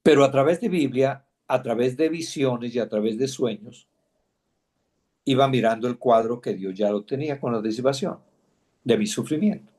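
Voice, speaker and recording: A man giving an earnest, halting personal testimony in a Bible class, repeating phrases. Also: mid-range voice, a little mellow.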